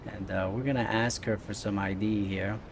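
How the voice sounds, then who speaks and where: A man's voice: lowish voice, fairly even intonation, normal speed, background noise. A man giving casual let's-play commentary as the host of a gaming video, with game ambience behind him.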